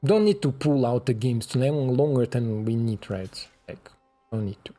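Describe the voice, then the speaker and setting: A man's voice: medium pitch, animated, normal speed, mellow, faint music behind. A man giving casual commentary while he plays a card game, chatting to his opponent and to the game itself. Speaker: streamer playing a card game.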